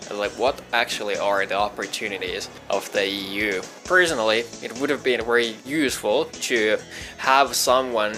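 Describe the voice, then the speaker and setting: Man, halting, low voice, guitar music behind. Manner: halting, many fillers. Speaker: project participant.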